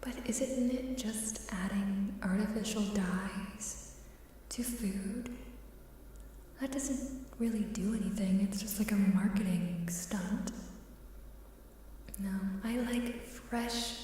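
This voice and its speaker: An ASMR live streamer chats casually in a soft, mellow, medium-pitched voice that often drops into whispers, taking her time with a playful, coy manner. The recording is distant, with a heavy hall-like echo, faint hiss, and faint background ambience.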